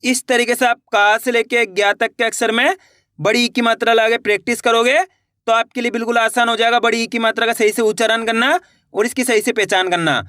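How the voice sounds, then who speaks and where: A Hindi reading teacher in a children's lesson, sounding out every word very slowly and then explaining at speed. The voice is bright and very crisp. The recording is dry and close, with almost no room sound. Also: mid-range voice, steady tone, no room sound. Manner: asks rhetorical questions and answers them.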